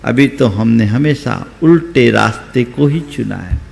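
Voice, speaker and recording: A man's voice: medium pitch, expressive, unhurried, vocal fry, a little mellow, long reverb tail. A man, a Jain monk, giving an emphatic, exhorting sermon that rises sharply for stress.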